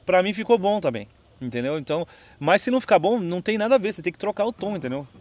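A man's voice: high-pitched, animated, fast. A Brazilian man with a Brazilian Portuguese accent, teaching singing in a casual video lesson, chatty, often checking in with "entendeu?". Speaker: music teacher. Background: his own guitar playing.

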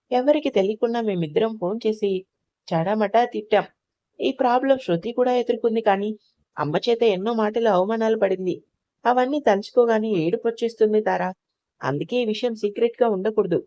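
Steady reassuring young woman, protective, mellow dark tone, dry sound, as a woman narrator reads her. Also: fairly high pitch, brisk, no room sound, lightly acted. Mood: earnest. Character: young woman, divorced, calm, protective sister-in-law.

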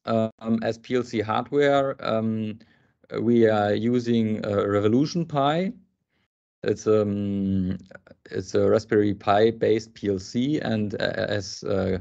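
A man in his thirties giving a technical presentation on a video call from an indoor office, halting often with ums and restarts. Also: fairly low pitch, vocal fry, a little mellow. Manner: hesitant, many ums and restarts. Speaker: software architect presenting. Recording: dull lo-fi video call audio.

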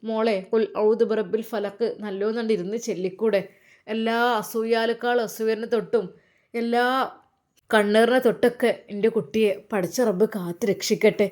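A woman with a Malappuram Malayalam accent voicing a warm, devout older mother who speaks in a soft, prayerful way and gently blesses her daughter. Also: on the high side, steady tone, moderate pace, lightly acted. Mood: blessing.

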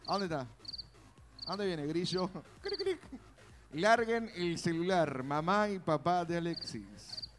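Playful Argentine stage co-host. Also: male voice, on the high side, expressive, slow pace, noisy background. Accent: Argentine Spanish. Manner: playful, teasing, chatty. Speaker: festival co-host. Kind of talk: joking live stage banter. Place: outdoor festival stage.

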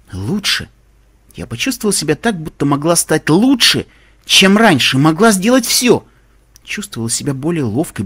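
A male narrator reads a first-person audiobook with an expressive, emotional delivery. His voice is husky and a little high for a man. He carries the story with strong feeling. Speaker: audiobook reader.

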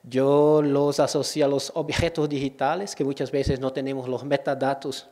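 A man's voice: mid-range voice, little pitch movement, normal speed, dark tone. A man in his forties from Brazil, a native Portuguese speaker, gives a conference lecture in a Brazilian-accented mix of Portuguese and Spanish, restarting words hesitantly. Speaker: conference speaker, digital curator. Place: auditorium, indoors. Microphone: gooseneck podium microphone.

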